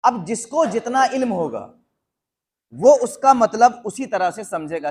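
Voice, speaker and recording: A man preaching to a seated audience, asking them questions and repeating phrases slowly for emphasis. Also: high-pitched. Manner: slows down to spell out quoted phrases. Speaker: Islamic preacher. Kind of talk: live sermon to a seated audience.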